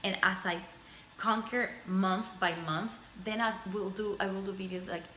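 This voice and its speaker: At home with a camera mic, a woman in her thirties from a Spanish-speaking background, and a native Spanish speaker, rambles reflectively through lists and repeated phrases in her video journal. She has a mid-range, slightly bright voice with fairly even intonation and a moderate pace, and the sound is roomy with slight background noise.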